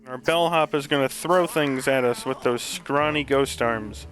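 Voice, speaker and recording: A man's voice: mid-range voice, unhurried, fairly bright tone, rough recording. A man giving casual, rambling commentary while playing a video game, full of joking asides. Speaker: gaming channel host.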